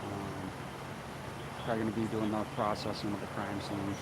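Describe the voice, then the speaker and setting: Low, flat-voiced male reporter in loud wind. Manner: halting, repeats himself. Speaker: local news livestream reporter. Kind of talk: live on-scene breaking news update, unscripted. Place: outdoors on a street at an active scene. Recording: loud wind noise, outdoor vehicle ambience.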